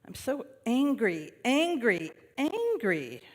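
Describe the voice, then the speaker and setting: A man's voice: high voice, big pitch swings, normal speed. A man voicing a small, upset and stubborn boy in a story read aloud, his words pleading and tearful. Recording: long reverb of a worship hall.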